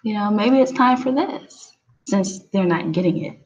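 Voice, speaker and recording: A woman's voice: medium pitch, lively intonation, measured pace, a little mellow. Rambling woman with a dull lo-fi sound. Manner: repetitive, many "you know"s and restarts. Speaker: host of her own show. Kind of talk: rambling casual monologue.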